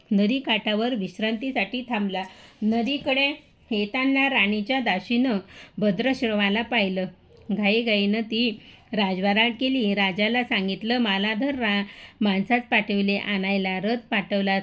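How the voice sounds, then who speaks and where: Woman reading a devotional tale. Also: fairly high pitch. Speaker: storyteller. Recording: dull lo-fi recording.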